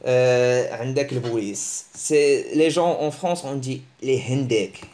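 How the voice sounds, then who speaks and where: A man giving a casual, joking online language lesson, teasing his viewers and breaking into animated bursts. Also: a little slow. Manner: joking, animated, teasing, with sudden pitch jumps. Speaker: language teacher.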